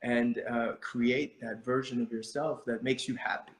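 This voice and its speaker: A man's voice: mid-range voice, level tone, measured pace, echoey room, a little hiss or hum, rough recording. A middle-aged man from India, a martial arts instructor, speaking as an interview guest in a thoughtful way, with many fillers and restarts. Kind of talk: reflective conversational interview.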